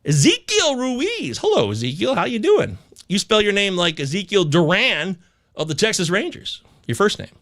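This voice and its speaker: A man hosts a casual live advice chat in a stoned, loose stoner drawl. His voice sits high for a man and swings up and down freely. He stretches out words and repeats his picks for emphasis. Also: huge pitch swings, normal speed, fairly bright tone. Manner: emphatic, repeats himself for stress. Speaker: host of a fantasy football advice live chat. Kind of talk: casual live chat commentary, answering viewers' questions.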